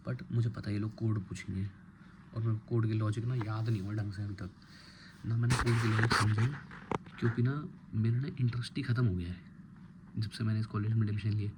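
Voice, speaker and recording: Hushed young man rambling near a phone. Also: on the low side, steady tone, a little fast, very noisy. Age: 20s. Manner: hushed, rambling, self-mocking. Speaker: college student vlogger. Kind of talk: casual late-night vlog. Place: room at home at night. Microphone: phone held close.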